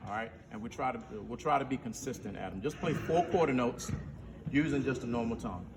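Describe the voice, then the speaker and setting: Music plays in the background as a male band director, medium-pitched and fairly quick, instructs his players in a school band room. He counts them in and demonstrates notes by singing syllables, captured in a distant, echoing room recording with faint noise.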